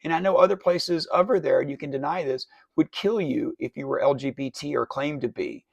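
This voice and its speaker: A man fires off exasperated questions in a mock interview. His voice sits a little high and turns gravelly at the ends of phrases. The recording is very dry and close. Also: fairly quick, no room sound, lo-fi sound. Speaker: satirical interviewer.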